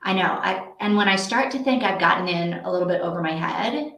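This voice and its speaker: A woman with a fairly low, fairly bright voice hosts a live reading sprint stream, speaking a little fast. She rambles casually as she thinks aloud, in an echoey, untreated indoor room, with a slight hiss or hum on the recording.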